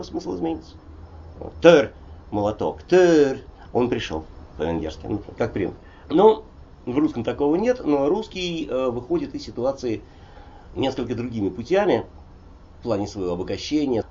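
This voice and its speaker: An older man in his sixties, a poet and polyglot guest, speaks with a dark, husky voice and lively pitch in a conversational interview. His storytelling is discursive and digressive, full of hesitations and "vot" fillers. The sound is lo-fi.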